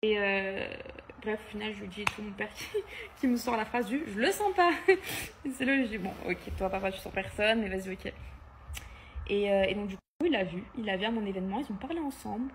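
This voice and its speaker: A woman's voice: mid-range voice, a little fast, slight background noise. A young woman telling her viewers an emotional story, hurt and angry as she talks. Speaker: content creator.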